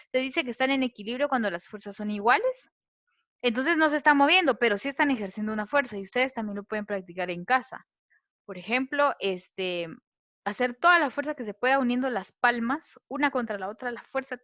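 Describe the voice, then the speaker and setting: Over slides, a woman patiently explains physics step by step, often adding a questioning tag to check that listeners are following. Her voice is slightly high and fairly bright, recorded dry but muffled and lo-fi.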